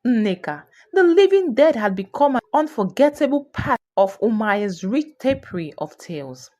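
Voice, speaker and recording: A woman's voice: a little high, big pitch swings, moderate pace, a little mellow. A woman narrating a folktale expressively and voicing each character herself. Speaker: storyteller. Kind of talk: storybook narration.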